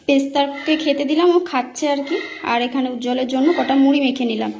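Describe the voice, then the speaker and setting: A woman's voice: high-pitched, fairly even intonation, brisk, vocal fry, a little mellow, slight background noise. A woman, chatting to her viewers while cooking at home and telling stories with frequent laughter. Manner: chatty, storytelling, laughing often. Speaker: vlogger. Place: home kitchen.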